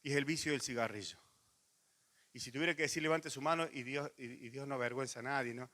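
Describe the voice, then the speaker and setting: Bright-voiced Rioplatense pastor preaching. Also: male voice, mid-range voice, fast. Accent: Rioplatense Spanish. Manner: animated storytelling with laughs, then quiet intimate pleading. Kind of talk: sermon.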